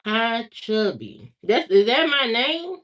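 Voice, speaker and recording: A woman from Indiana, her voice on the high side and fairly bright, talks slowly in a sing-song manner on a livestream. She answers viewer comments casually and keeps repeating herself as she responds. Recording quality is lo-fi and slightly muffled.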